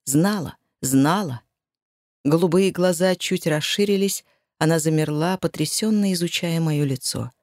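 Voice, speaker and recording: A woman reading a first-person fantasy audiobook in an even, measured way. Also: on the low side, no room sound, studio quality. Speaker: audiobook narrator.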